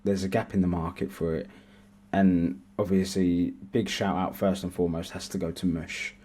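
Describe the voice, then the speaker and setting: A young man with a very deep voice reflects earnestly on a casual podcast. His talk is sincere and steady, looking back on how things started. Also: moderate pace. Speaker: podcast co-host.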